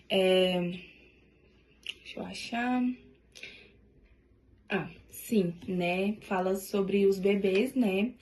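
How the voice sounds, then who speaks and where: A woman giving a class presentation, hesitant and full of tag fillers. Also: mid-range voice. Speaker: student presenter.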